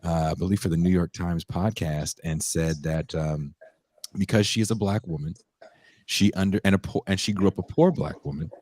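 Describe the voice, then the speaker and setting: Male host with a very low voice and a dry, close sound; deliberate, paused political commentary. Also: steady tone, darkish tone, no echo. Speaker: podcast host.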